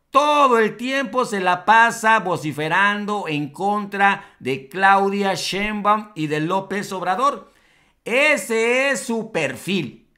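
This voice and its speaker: A man's voice: high voice, sharp tone. A man with a Mexican accent giving scornful, emphatic political commentary for a vlog, drawing out his words.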